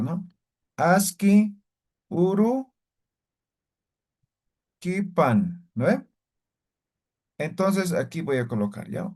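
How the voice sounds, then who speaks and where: Slow, patient male language teacher. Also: fairly high pitch, a little mellow. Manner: patient, checks in with short tag questions. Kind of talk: online class instruction.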